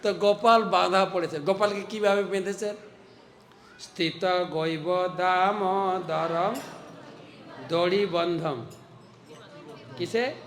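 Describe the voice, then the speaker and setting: A monk delivering a storytelling sermon, animated and dramatic, acting out the voices in the story. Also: male voice, high voice.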